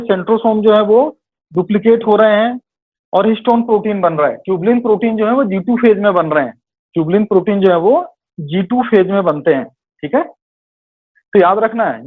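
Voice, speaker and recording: A man's voice: high-pitched, breathy edge. A male biology teacher in a live online class, going over quiz answers in Hindi mixed with English terms, correcting himself and calling students "beta". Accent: Hindi-English code-mixing. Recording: tinny phone-like online class audio.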